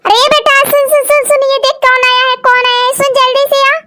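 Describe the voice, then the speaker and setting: A woman's voice: very high voice, fairly even intonation, fairly quick, pushed and bright, soft background music. A woman voicing a scolding, domineering older mother-in-law in a cartoon story, nagging and taunting. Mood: alarmed. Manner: nagging, taunting, boastful about old times.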